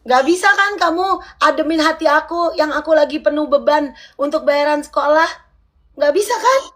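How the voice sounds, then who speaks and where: A woman's voice: high voice, moderate pace, fairly bright tone. A woman arguing heatedly on a livestream, scolding and repeating her demands over and over. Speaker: livestream co-host.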